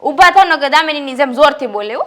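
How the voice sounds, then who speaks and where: A woman's voice: sits high, lively intonation, fast talker. A woman acting as a bossy young wife nagging her husband.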